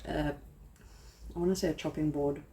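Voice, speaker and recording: A woman's voice: low-pitched, fairly even intonation, normal speed, warm tone. A young woman from South Africa, chatting casually and rambling a little as she works at her craft desk, poking fun at herself as she goes. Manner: chatty, rambling, self-deprecating. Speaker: craft vlogger. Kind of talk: casual crafting tutorial chat.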